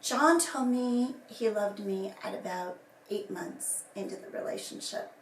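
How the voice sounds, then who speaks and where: Recovering from losing her voice, a woman talks casually to camera in a rambling personal statement, hoarse and breathy and often slipping into whispers. Her mid-range voice is unhurried, full of fillers and restarts. She is recorded from a distance in an echoey room with faint ambience and slight background noise.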